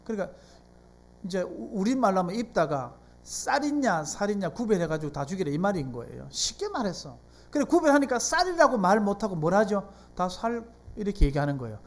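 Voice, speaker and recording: A pastor with a Gyeongsang Korean accent delivers a sermon in a church sanctuary. The speech rises and falls with a lively, animated pitch. It is conversational preaching, with one rhetorical question after another to the people in the pews. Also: fairly quick. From South Korea.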